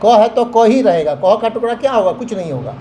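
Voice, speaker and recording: A man's voice: high-pitched, lively intonation, brisk, dark tone, a little hiss or hum, low-quality recording. A man teaching a grammar lesson to children, explaining step by step with examples.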